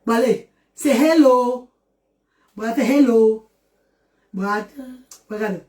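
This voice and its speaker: A woman's voice: a little high, takes it slowly, darkish tone. A middle-aged woman from Central Africa, hosting a live stream and talking to her viewers in an affectionate, preachy way, urging them on with lots of repetition.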